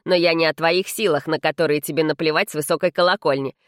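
A woman's voice: low-pitched, steady tone, fast talker, no echo, clean studio sound, natural voice. A woman voicing a scrawny, cheeky male house spirit who sounds like a teen, brash and slangy in an audiobook. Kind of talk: audiobook character reading.

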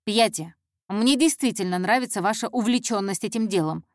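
A woman's voice: mid-range voice, normal speed, dry recording, close to an everyday voice. A woman voicing a curt, impatient male police investigator who speaks in a dry, clipped way. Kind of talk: audiobook character voice.

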